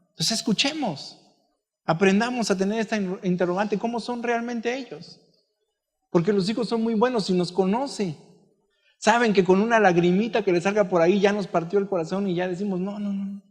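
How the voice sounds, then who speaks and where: A pastor giving a conversational sermon full of stories and asides. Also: male voice, sits high, in a large hall. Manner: conversational preaching with anecdotes and asides. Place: church.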